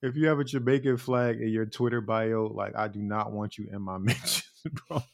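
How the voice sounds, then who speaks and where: A man's voice: on the low side, level tone, fairly quick, creaky. A man co-hosting a podcast in casual chat, joking, slangy and laughing often. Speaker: podcast co-host.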